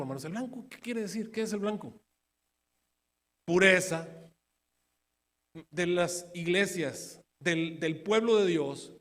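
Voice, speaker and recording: A man preaching a Bible study, firing rhetorical questions at his listeners and swinging between emphatic bursts and quiet asides. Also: on the high side. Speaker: preacher teaching prophecy. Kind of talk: sermon-style Bible study. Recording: long hall reverb.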